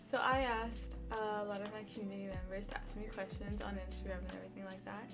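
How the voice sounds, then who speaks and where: A young woman from Los Angeles, a game streamer, rambles and gushes while answering questions in a casual vlog, with background music playing. Her new braces give her a lisp, and her medium-pitched voice is flat, quick, and touched with vocal fry.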